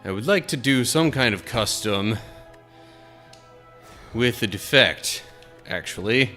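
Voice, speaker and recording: A man's voice: medium pitch, expressive, slow, sharp tone, soft background music. A man streaming a video game, chatting casually and thinking aloud in a hesitant, rambling way. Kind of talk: casual live-stream chat.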